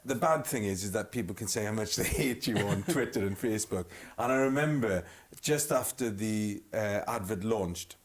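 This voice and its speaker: A man's voice: lowish voice, animated, moderate pace, few pauses. A man with a Welsh accent, a singer guesting on a chat show, telling stories with lots of laughter. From Wales. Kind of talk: anecdotal chat show storytelling.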